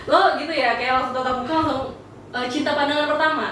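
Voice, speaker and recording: A woman in her twenties co-hosting a casual podcast, easygoing and quick to agree. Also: sits high, steady tone, a bit bright. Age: 20s. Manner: easygoing, agrees a lot with short replies. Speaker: podcast co-host. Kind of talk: casual chat. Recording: echoey room, far from mic, faint noise.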